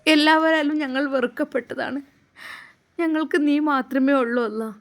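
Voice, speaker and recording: A lonely young woman pleads in a trembling voice, as a woman narrator plays her. Her voice sits fairly high and sounds worn down by grief. It comes from a storybook reading. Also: moderate pace. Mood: pleading.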